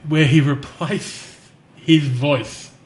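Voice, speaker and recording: A man co-hosting a podcast, ranting in casual chat with animated restarts. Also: a little high, very slow. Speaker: podcast co-host.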